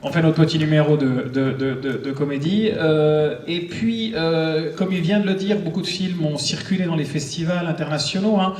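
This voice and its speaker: A man's voice: fairly high pitch, steady tone, moderate pace, few pauses, a little mellow. A man hosting a film screening, giving a conversational, digressive live introduction as he addresses the public. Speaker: cinema host introducing a screening. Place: cinema auditorium before an audience. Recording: echoey auditorium, distant microphone.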